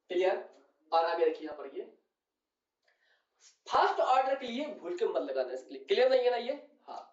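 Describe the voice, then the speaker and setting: A man's voice: high-pitched, distant mic. Man, chemistry lecture, echoey classroom, dull lo-fi sound. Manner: addresses students as "beta", keeps asking "clear?". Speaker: chemistry teacher.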